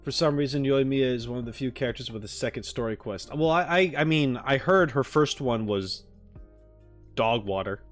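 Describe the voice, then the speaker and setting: Background music runs as the man, a streamer who does reactions, thinks out loud about a game in casual livestream chat. He talks at normal speed and medium pitch, using short, loose phrases that trail away.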